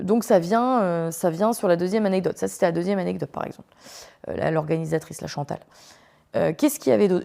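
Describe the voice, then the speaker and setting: A woman's voice: medium pitch, vocal fry, mellow. A woman hosting a podcast, telling anecdotes in a chatty, slangy storytelling way with many fillers. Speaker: podcast host. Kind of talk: casual storytelling.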